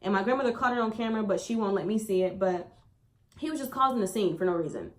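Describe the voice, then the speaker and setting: A woman's voice: medium pitch, fast talker. A young woman vlogger casually telling a personal story, acting out what people said along the way. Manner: animated retelling, acts out quoted lines.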